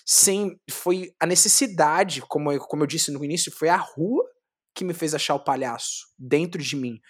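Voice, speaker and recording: Young brazilian guy, street clown, telling his story all animated, swears a lot, acts out his own lines. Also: on the high side, moderate pace, husky. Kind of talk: casual interview storytelling.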